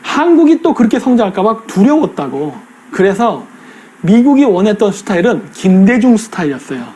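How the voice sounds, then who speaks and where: A man's voice: high voice, a little fast. A middle-aged man giving a casual, coarse-spoken commentary monologue, acting out voices in quotes. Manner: animated, acts out voices in quotes, coarse slang. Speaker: political commentator.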